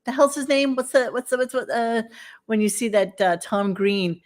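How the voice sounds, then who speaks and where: A woman's voice: a little high, normal speed. A woman hosting a casual, salty talk show with an echoey sound, as if away from a close microphone. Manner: salty, swearing, joking. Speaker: host. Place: echoey basement room.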